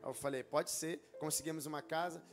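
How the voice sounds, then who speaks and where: A man preaching a sermon as pastor, telling a personal story and rising into loud, fervent exhortation. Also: on the high side, fairly even intonation, brisk, over music.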